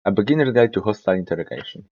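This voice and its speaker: A man's voice: lowish voice, expressive, rapid-fire, no echo. A man streaming a game, chatting casually and rambling about his choices. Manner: rambling, laughs at himself. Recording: dull lo-fi mic with music behind.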